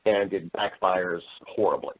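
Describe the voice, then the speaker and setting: Low-pitched and unhurried, this voice-over artist and actor talks as an interview guest over narrow, tinny audio. He's wry and relaxed, regularly rephrasing and restarting his lines with a self-deprecating streak.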